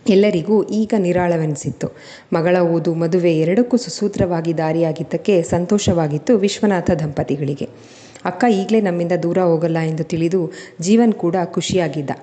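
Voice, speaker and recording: A woman reads an episodic family drama aloud, steady and emotive. Her voice sits low and sounds mellow and soft-edged. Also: moderate pace. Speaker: storyteller. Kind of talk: scripted narration of a family drama serial.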